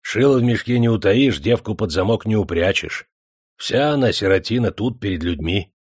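A man's voice: lowish voice, lively intonation, moderate pace, breathy edge, no room sound, clean studio sound. A man doing a dignified old serf. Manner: cautious, dignified, proverb-quoting. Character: old male serf furnace worker, dignified.

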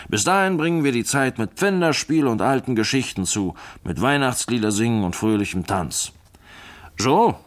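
A hearty, genial old landowner, as a male reader puts him on hosting a Christmas gathering. His voice climbs higher and louder when he calls out. Warm-hearted radio storytelling. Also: lightly acted. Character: hearty, jovial older male country host. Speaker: host of the house.

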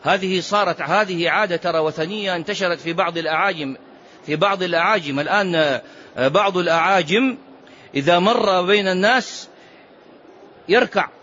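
A man's voice: high voice, fairly bright tone. A man teaching a religious lesson to seated students. He repeats key phrases and quizzes his listeners. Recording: muffled lo-fi recording with faint noise.

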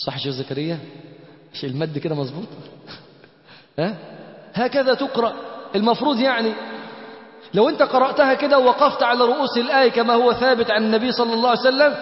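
A man with an Egyptian accent giving a colloquial sermon. He questions the congregation directly, swinging between loud, emphatic lines and soft, slow chanted recitation. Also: extremely high pitch. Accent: Egyptian Arabic. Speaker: preacher. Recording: echoey hall, dull lo-fi sound.

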